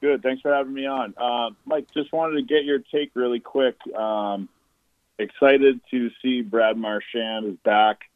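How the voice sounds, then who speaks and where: A man calling in to a sports radio show over a clipped phone line, talking casually and haltingly. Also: mid-range voice, fairly even intonation, no room sound. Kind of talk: casual call-in chat. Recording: tinny dry phone line.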